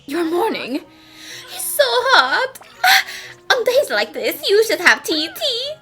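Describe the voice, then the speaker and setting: An overacted anime dub heroine, a haughty, eager young sleuth. Her voice sits high and swings widely, every line played theatrically, with music behind it. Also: wildly swooping pitch, takes it slowly, sharp tone, full character voice. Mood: melodramatic pleading. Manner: exaggerated, theatrical delivery. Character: eager young female detective and haughty female criminal analyst. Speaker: voice actor in a fan dub.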